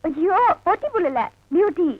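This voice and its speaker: A lively, high-voiced young city writer. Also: female voice, normal speed, dry recording. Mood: playful. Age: young adult. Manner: playful, mixes in English. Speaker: writer visiting a village. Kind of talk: film acting. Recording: dry, dull lo-fi film audio.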